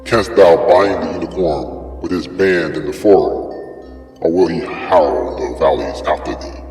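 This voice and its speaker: Over music with long, echoey reverb, a man gives a solemn, theatrical reading of archaic scripture, posing grand rhetorical questions. His voice is low-pitched, unhurried and a little mellow.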